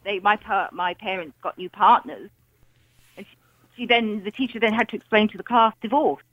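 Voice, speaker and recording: A middle-aged Englishwoman with an English accent calls in to a radio phone-in and tells a casual, conversational anecdote. Her medium-pitched voice moves at normal speed. It comes through a telephone on a dull, lo-fi line with a dry recording.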